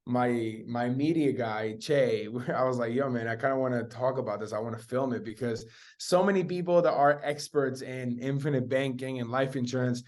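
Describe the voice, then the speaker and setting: This young man from Spain has a mid-range, darkish voice and speaks at a normal speed. Chatting casually as an interview guest, he recounts personal stories using slang and now and then some profanity.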